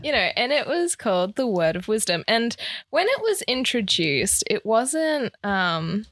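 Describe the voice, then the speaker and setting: A woman co-hosts a podcast in studio quality with no echo, her voice a little high, slightly bright, very animated, and a little slow. The chat is casual and rambling, full of ums and likes, and she laughs often.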